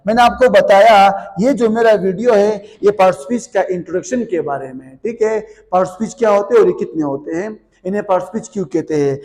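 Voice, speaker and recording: High-voiced man teaching English grammar. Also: a little mellow. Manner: asks questions and answers them himself; mixes Hindi-Urdu with English. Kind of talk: grammar lesson. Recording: long hall reverb.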